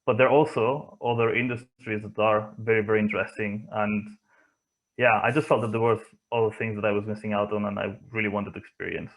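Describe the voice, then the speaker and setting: A motorsport engineer from the Barcelona area of Spain, whose first language is not English, gives reflective answers as an interview guest. He has a low voice and a Spanish accent, and he speaks hesitantly and thoughtfully, pausing often, with a flat delivery on poor audio.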